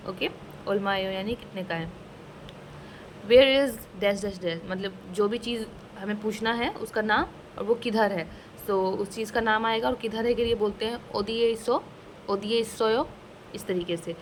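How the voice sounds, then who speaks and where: A woman teaching a casual language lesson, slowly explaining each phrase and repeating it twice, mixing English words into her talk. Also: mid-range voice, fairly even intonation, a little hiss or hum, poor audio. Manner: mixes English words into Hindi.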